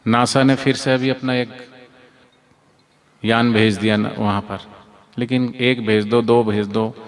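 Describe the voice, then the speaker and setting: A male preacher from Madhya Pradesh giving a devotional sermon, telling stories and asking the audience rhetorical questions. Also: mid-range voice.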